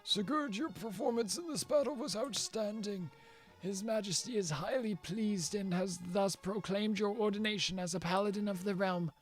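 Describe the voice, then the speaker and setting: Stately old envoy from a video game, pitched up, formal and grand, as a streamer puts him on. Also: male voice, normal speed, faint music behind, close to an everyday voice. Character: pompous old male royal envoy. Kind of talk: reading game dialogue aloud.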